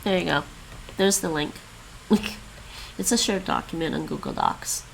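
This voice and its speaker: In a low-quality recording with a little hiss or hum, a woman with a low, creaky voice talks at a moderate pace, her pitch swinging hugely. Having grown up with English and Chinese, she chats loosely on stream as she studies languages, thinking aloud and repeating foreign phrases.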